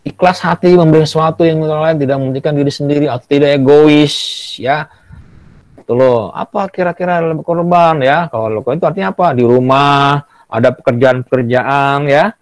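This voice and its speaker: A man's voice: a little high, brisk, no room sound. Indonesian teacher coaxing his class. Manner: repeats "ya" and "gitu loh" often, coaxing; acts out children's tantrums in a raised voice. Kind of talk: online class lesson. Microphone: video call.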